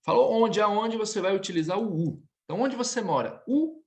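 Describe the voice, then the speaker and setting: Lively-voiced male French teacher. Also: sits high. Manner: patient, repeats phrases slowly, often ends with "tá bom?". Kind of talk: live online class, explaining to students.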